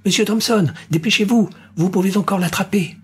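A man doing an eager high child voice. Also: brisk, slight background noise, lightly acted. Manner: eager, urgent. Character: eager young child informer.

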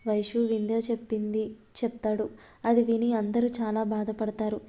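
A woman reading a love story aloud as a steady scripted narration. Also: a little high, normal speed.

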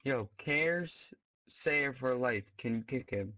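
A man's voice: medium pitch, lively intonation, slow, pushed and bright, dull audio. A man in a game chat, insistent and urgent, repeating himself. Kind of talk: casual gameplay chat.

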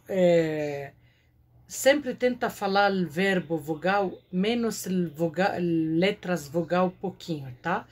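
Woman giving a language lesson, slow and patient, repeats words over and over, kinda husky, lowish voice. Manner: slow, repeats words for students, broken Portuguese grammar. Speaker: Arabic teacher.

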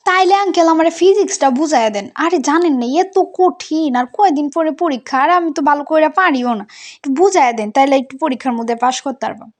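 A woman with a regional Bangladeshi Bengali accent voicing a naive, excitable schoolgirl who chatters plaintively in an amateur cartoon. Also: sits high, fairly quick. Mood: pleading.

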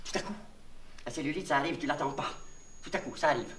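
On an old LP recording that sounds echoey, distant and noisy, a Québécois comedian plays a naive, childlike vagabond clown. His voice is fairly high and quick, lightly acted, as he rambles confidingly to the listener, mangling words and making puns in a comic monologue.

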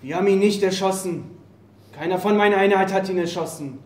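A man's voice: high-pitched, fairly quick, lightly acted. A man reading the part of a frightened captured young soldier in a staged play reading, speaking in a hesitant, pleading, stammering way. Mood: desperate. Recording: roomy live café recording.

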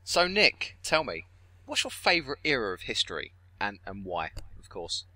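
Bright-voiced Southern English man chatting. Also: on the low side, very animated, moderate pace, no room sound. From southeast England. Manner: chatty, self-correcting, trails off into asides. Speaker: podcast co-host. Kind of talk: casual podcast chat.

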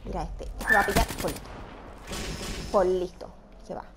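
A young woman giving excitable gameplay commentary, shouting and shushing as she plays. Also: fairly low pitch, normal speed, very noisy. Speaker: gaming channel host.

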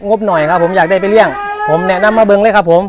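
A man with an Isan Thai accent works as a livestock seller on a live sale. His voice sits high and the pitch comes quickly, in polite phrases that he often repeats. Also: steady tone, background noise. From northeastern Thailand. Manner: polite, repetitive, ends phrases with polite particles. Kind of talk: fast live sales pitch.

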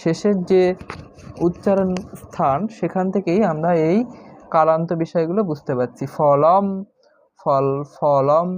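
A man teaching a lesson, explaining word by word and repeating each term slowly. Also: on the high side, a little mellow, no echo. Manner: slow, repeats each word several times. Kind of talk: step-by-step classroom explanation. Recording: dull lo-fi sound.

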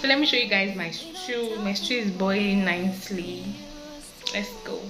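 Poor audio and background music accompany this young woman's medium-pitched voice as she vlogs at a moderate pace. A student, she chats easily and directly to her phone camera from her small apartment room and kitchen indoors.

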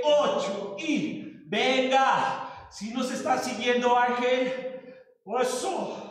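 A man's voice: very high-pitched, a bit bright. A man with a Mexican Spanish accent leading a live online workout class, counting reps with playful cries and encouragement. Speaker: fitness instructor. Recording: roomy, distant mic with long reverb.

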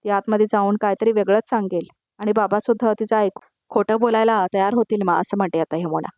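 A woman's voice: medium pitch, fairly even intonation, fast, a little mellow, no echo, clean studio sound. A woman giving a voice-over recap of a TV serial, retelling each scene's dialogue one line at a time and turning to address the viewers directly.

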